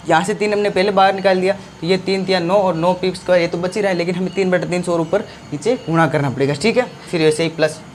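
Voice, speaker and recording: A man's voice: high-pitched, slight background noise. Hindi-speaking man teaching a maths lesson. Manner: explains step by step, often asks questions and answers them himself.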